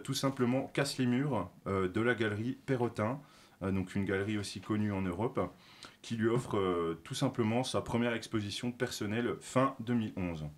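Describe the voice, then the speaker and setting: This man's voice is on the low side as he presents a talk show segment from his notes. His explanation is full of fillers and self-corrections, plus gently self-mocking asides.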